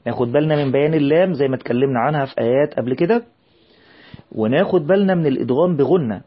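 A man's voice: fairly high pitch, husky, dull audio. Egyptian man teaching Quran recitation. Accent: Egyptian Arabic. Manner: explains fast, then recites verses very slowly and drawn out. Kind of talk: tajweed lesson with slow recitation.

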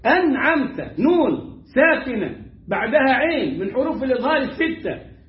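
High-voiced Egyptian man teaching recitation. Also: roomy sound, highs cut off. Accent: Egyptian Arabic. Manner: demonstrates pronunciation by repeating words slowly, animated and emphatic. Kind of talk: Egyptian colloquial tajweed lesson.

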